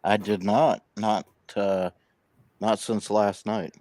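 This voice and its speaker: Deep-voiced man with a slight lisp. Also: flat delivery, takes it slowly, a little mellow, no room sound. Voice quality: slight lisp from missing front teeth. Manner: rambling storyteller, mumbling around a cigar. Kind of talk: casual chat on a live stream. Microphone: laptop.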